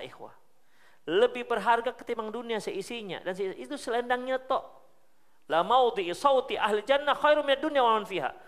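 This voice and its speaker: A male Islamic preacher with a Medan Indonesian accent, giving a sermon full of lively storytelling that swings between loud emphasis and soft hushed asides. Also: sits high.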